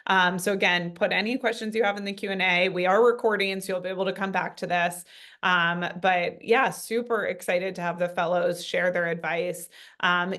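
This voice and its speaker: A staff member of a fellowship hosts a webinar over a video call, moderating and introducing guests in an upbeat, friendly manner. Her voice is lowish and a bit bright.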